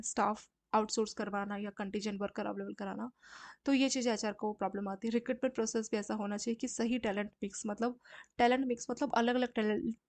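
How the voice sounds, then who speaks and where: A woman's voice: on the high side, darkish tone, dry recording. A young woman tutoring for a banking exam, explaining HR and banking ideas in a conversational lecture and often checking in with her listeners. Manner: conversational, frequent filler checks.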